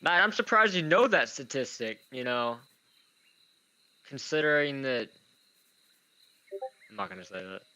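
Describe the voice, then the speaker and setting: A man's voice: mid-range voice, animated, measured pace, long pauses, sharp tone, clear, resonant tone, muffled recording. A young man who says w for r, giving casual, rambling, self-deprecating live commentary while he plays games. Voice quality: says w for r, speech impediment. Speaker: gamer commentating on own play.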